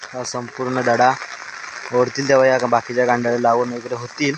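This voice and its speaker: A man's voice: medium pitch, little pitch movement, fairly quick. A man with a Konkan Marathi accent, narrating a farm vlog outdoors by the rice paddies, coaxing a child and laughing. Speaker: farm vlogger. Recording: noisy outdoor phone recording.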